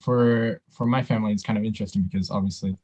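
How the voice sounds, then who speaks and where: A man's voice: lowish voice, steady tone, fast, a little mellow, muffled recording. A man born in the United States, musing in a rambling, thoughtful way during a casual podcast chat. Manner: rambling, thoughtful, many fillers.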